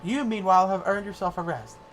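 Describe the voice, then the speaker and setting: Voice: mid-range voice, brisk, faint music behind, pitched above the performer's own voice, natural voice, poor audio. A streamer voicing a suave, roguish male adventurer from a fantasy game, reading dialogue aloud in a theatrical, old-fashioned way. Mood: wry, flattering.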